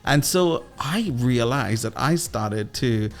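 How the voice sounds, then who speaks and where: A man with a Trinidadian accent from Trinidad and Tobago, a guest entrepreneur and business coach telling playful, animated stories in a casual interview. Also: medium pitch, slow. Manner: animated, playful, with lively voiced asides.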